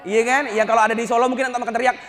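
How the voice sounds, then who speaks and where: A male Islamic preacher giving a humorous lecture, joking and telling stories with animated energy. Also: very high voice, racing, long reverb tail, slight background noise.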